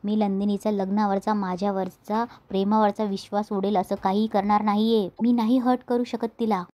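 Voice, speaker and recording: A woman's voice: mid-range voice, little pitch movement, moderate pace, warm tone, lightly acted. A woman voicing a torn young man in love, scolding and pleading urgently in a serial recap.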